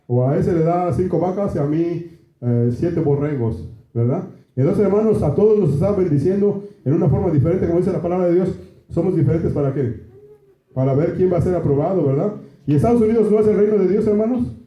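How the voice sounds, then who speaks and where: Speaking brisk and high, a Mexican pastor with a Mexican Spanish accent delivers his sermon like a conversation, frequently addressing the congregation directly. "¿Verdad?" and "hermanos" keep coming up. The audio is lo-fi and dull, captured in an echoey space.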